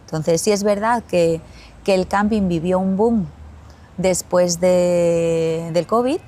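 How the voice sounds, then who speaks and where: A CEO of a glamping company from Spain, she appears as a guest and answers interview questions in a measured way, pausing and repeating herself as she thinks. Her voice is lowish and mellow, with an Andalusian Spanish accent.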